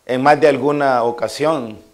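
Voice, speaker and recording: The voice is a man's, medium-pitched, steady, and at normal speed: a pastor with a Salvadoran accent delivering a sermon. He speaks to the congregation through homely personal stories, building to emphatic preaching to drive points home.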